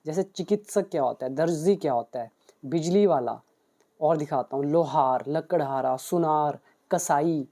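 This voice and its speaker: A man's voice: on the high side, normal speed, dark tone. A man who teaches English, explaining a book page by page and reading out paired Hindi and English examples. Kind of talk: book walkthrough lesson.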